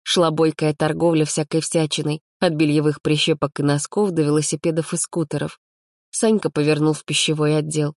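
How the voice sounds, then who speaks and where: A woman narrating a story as an audiobook reader, telling it lively. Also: low-pitched, normal speed, no room sound, studio quality.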